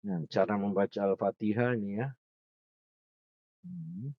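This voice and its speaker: A man teaching recitation, slowly repeating sounds and patiently correcting pronunciation. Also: on the low side, no room sound. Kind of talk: pronunciation lesson. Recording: muffled, distant from the mic, dry.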